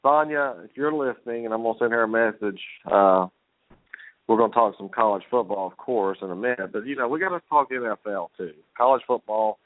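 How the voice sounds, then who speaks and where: A man's voice: on the low side, brisk, no echo. A man hosting a sports talk show, fired up and rambling as he jumps from game to game. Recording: tinny phone-like line, dry.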